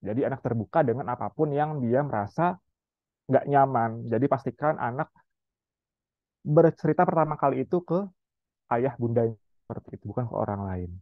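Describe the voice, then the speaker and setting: A man explaining child development to parents in a calm, patient lecture, now and then acting out gentle lines a parent might say to a child. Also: mid-range voice, moderate pace, long pauses, dry recording, muffled recording. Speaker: child psychology educator.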